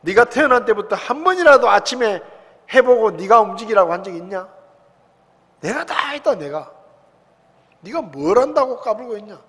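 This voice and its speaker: Brief: man preaching as a thundering God hurling rebukes, husky edge, church reverb. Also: fairly high pitch, pitched below the performer's own voice. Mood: stern scolding. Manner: loud, scolding rapid-fire questions.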